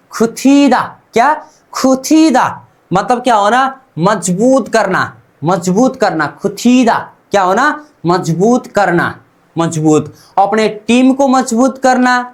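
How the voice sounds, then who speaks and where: Slow, patient teacher drilling sounds. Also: medium pitch. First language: Hindi. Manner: slow and deliberate, drills by asking "what?" and answering itself; repeats each syllable several times for practice. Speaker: Korean language teacher. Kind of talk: beginner language lesson.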